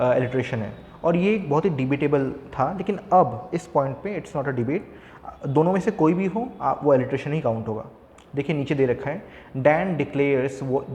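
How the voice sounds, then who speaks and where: A man with an Indian English accent teaching literature, mixing Hindi and English, reading examples off a slide slowly and often checking with "है ना". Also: a little high, mellow. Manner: frequent checking fillers. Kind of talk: recorded lesson explaining slides. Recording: echoey room with long reverb.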